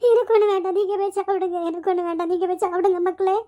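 Actor putting on a soft tired cartoon mom, gentle, reassuring her kids. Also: extremely high pitch, little pitch movement, very fast, voice pushed down. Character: hurt village mother, weary and gentle. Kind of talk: cartoon voice acting.

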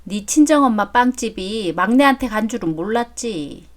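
A woman's voice: a little high, expressive, moderate pace, close to an everyday voice. A woman voicing a brash, greedy older mother-in-law who talks bluntly and coarsely in a story drama. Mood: softened. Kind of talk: story drama read aloud.

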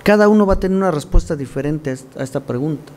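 Mellow-voiced man preaching a sermon. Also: on the high side, animated, fast, slight background noise. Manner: earnest preaching, calls listeners "my brother", wry asides. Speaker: pastor.

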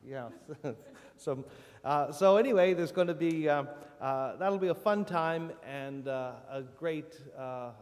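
A man giving casual church announcements from the front of a sanctuary, halting with many fillers. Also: fairly high pitch, darkish tone. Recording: long reverb in a church hall.

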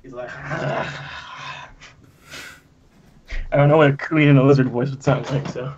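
A man's voice: medium pitch, steady tone, a little slow, darkish tone, dull audio, slight background noise. A man bantering casually during a tabletop game, with a teasing, jokey way of talking.

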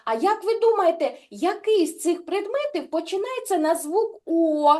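High-voiced woman teaching small children. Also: expressive, dark tone. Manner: slow, exaggerated articulation of sounds; encouraging, praising pupils by pet names. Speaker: speech development teacher. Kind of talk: online lesson for young children. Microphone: video call.

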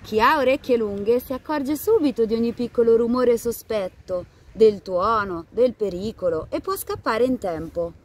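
A woman voicing an alert rabbit in a storybook reading, loud and eager. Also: fairly high pitch, moderate pace, few pauses, close to an everyday voice.

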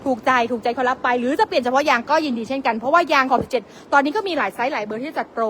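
A woman giving a fast, chatty sales pitch in a tire shop, calling out prices to customers. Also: a bit bright, a little hiss or hum. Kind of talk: live-sale product pitch.

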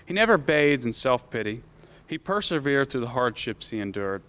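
An American student speaker in his late teens delivers a prepared commencement speech into a podium microphone on a school auditorium stage. His medium-pitched voice is sing-song and fairly bright, at a moderate pace.

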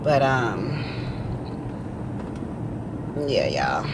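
A woman's voice: extremely low pitch, very animated, takes it slowly. A woman, chatting casually and rambling to viewers while she drives. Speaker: delivery driver vlogger. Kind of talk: casual chat while driving. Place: inside a car, driving. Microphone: dashboard camera mic. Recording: loud road noise in a moving car. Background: car and road noise.

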